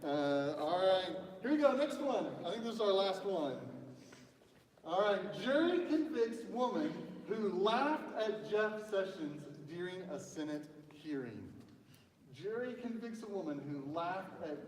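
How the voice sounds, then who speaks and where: A man's voice: sits high, very animated, a little slow, a little mellow, a little hiss or hum. A man preaching a casual sermon, telling stories in a chatty way and joking with the congregation. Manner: chatty storyteller, acts out quotes. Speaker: pastor. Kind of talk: casual sermon with audience banter. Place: church sanctuary. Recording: echoey church hall from a distance.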